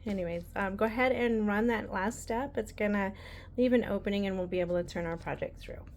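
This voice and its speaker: A woman walks through a craft project in a relaxed, rambling way, full of ums and asides. Her pitch sits in an ordinary middle range. A faint room hum sits behind her voice. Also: fairly quick. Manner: chatty, rambling, many ums. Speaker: embroidery tutorial host. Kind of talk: casual crafting tutorial.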